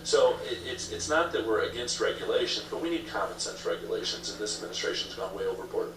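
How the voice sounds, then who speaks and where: A man with a fairly low voice talks quickly, like a candidate in a political interview. He makes his points emphatically with repeated phrasing, heard from a distance in a roomy space. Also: lively intonation. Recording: echoey room, distant mic, noisy background.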